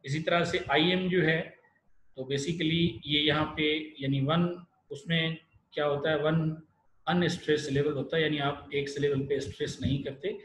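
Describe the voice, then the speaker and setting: A man giving an online literature lecture. He explains step by step and often pauses, restarts and fills gaps. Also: on the high side, fairly even intonation, fairly bright tone. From Pakistan. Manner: explanatory, many fillers and restarts. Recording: echoey room with faint hiss.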